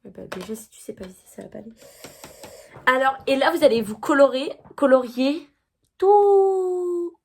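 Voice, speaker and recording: A woman's voice: sits high, fairly quick, vocal fry, a little hiss or hum. A young woman filming a casual makeup vlog, chatty and self-mocking, stumbling over words with many fillers and apologies. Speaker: vlogger.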